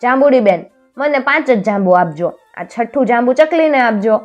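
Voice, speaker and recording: A woman's voice: fairly high pitch, expressive, a little fast, darkish tone, highs cut off, soft background music, voice pushed up, close to an everyday voice. A woman voicing a kind-hearted little boy in a storybook tale, eager and cheerful.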